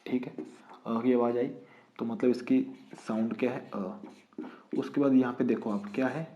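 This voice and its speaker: A man's voice: mid-range voice, little pitch movement, a little fast, warm tone. A male teacher giving an online exam-prep lesson, explaining step by step and asking and answering his own questions. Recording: dull, roomy lo-fi recording.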